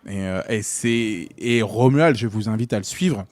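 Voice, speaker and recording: A man's voice: lowish voice, measured pace, darkish tone, no echo. A young man from Normandy chatting casually as a podcast guest, enthusiastic and full of fillers and restarts. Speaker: guest comedian and comedy club organiser.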